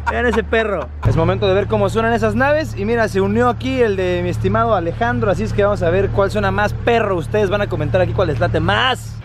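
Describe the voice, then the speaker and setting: Man, Mexican accent, high-pitched, excitable, slangy, casual vlog host. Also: quick pace, few pauses, background noise. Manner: excitable, swears often, playful slang. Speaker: vlogger host.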